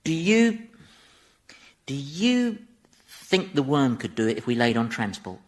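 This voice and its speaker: A man's voice: mid-range voice, very animated, unhurried, heavy background noise. A man playing Satan as a blasé, chatty, sardonic ruler of Hell in a radio sitcom, offhand and hesitant. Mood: dry, distracted. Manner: offhand, conversational, hesitant, wry.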